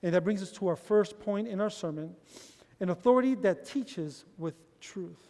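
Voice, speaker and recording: A man's voice: high-pitched, animated, unhurried, warm tone. A male pastor preaching a bilingual sermon, giving each point in Spanish and then in English and calling the congregation brothers. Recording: long hall reverb.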